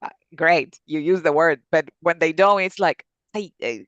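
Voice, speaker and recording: A woman whose first language is Spanish, asking slow, careful questions in English as an interviewer. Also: low voice, steady tone, a bit bright, smooth, no room sound, dull audio. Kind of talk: casual interview.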